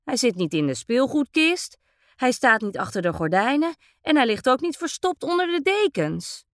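Woman, storybook reader, expressive, slow, very animated, high voice. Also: no echo, studio quality. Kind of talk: children's story reading.

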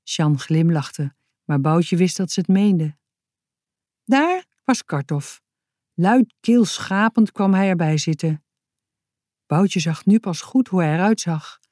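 A woman narrating a children's storybook in a clear, even reading voice. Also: fairly low pitch, slow, long pauses, no room sound, clean studio sound.

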